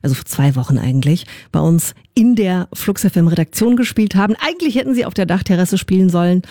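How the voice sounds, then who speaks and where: Chatty radio presenter with a mellow, dry voice. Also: medium pitch, animated, fast, no room sound. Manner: chatty, self-correcting presenting. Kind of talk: casual radio moderation.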